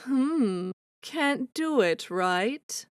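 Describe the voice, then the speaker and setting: A woman playing a sly, detached programmed messenger with a measured, matter-of-fact manner in a comic dub. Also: sits high, animated, clear, resonant tone, dry recording, studio quality, heavily acted. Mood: unbothered. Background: music.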